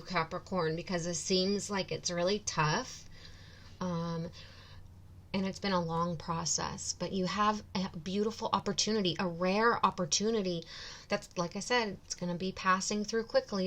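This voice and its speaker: A woman giving a tarot reading to her viewers, talking in a soothing way with many ums and pauses. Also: lowish voice. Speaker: tarot reader.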